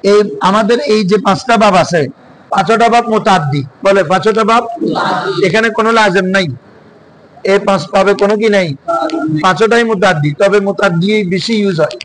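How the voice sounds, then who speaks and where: A man's voice: sits high, fairly bright tone, poor audio. A man teaching an Arabic grammar class in Bengali, drilling his students with constant repeated questions. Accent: Bangladeshi Bengali. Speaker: madrasa teacher.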